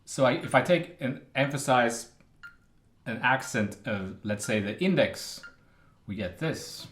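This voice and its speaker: A man giving a casual guitar lesson, explaining patterns in a relaxed way with fillers. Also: medium pitch, a little slow, echoey room. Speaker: guitar teacher. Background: acoustic guitar playing.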